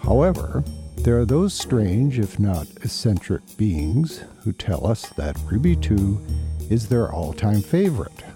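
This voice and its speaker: Deep, animated, wry male podcast host. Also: measured pace. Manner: wry, self-deprecating storyteller. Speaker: podcast host and series writer-producer. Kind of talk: scripted podcast narration. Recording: music behind the voice.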